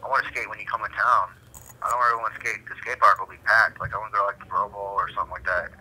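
A man's voice: fairly low pitch, little pitch movement, rapid-fire, pushed and bright, husky. A man who is in jail, speaking over a prison phone line, laid-back, giving short easygoing replies. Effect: heard over a prison phone line. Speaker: jail inmate on a phone call.

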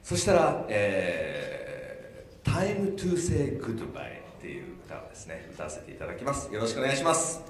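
Lively man teaching voice in an echoey hall. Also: medium pitch, moderate pace. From Kumamoto, Kyushu, Japan. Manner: explains while demonstrating vocal sounds. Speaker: vocal coach. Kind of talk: live stage talk at a dinner show. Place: hotel banquet hall.

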